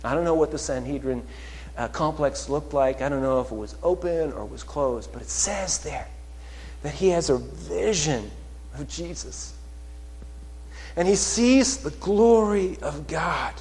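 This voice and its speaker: A man preaching a sermon, moving from hushed, soft storytelling to loud, rising proclamation. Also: a little high, lively intonation, a little slow. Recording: long reverb of a large hall.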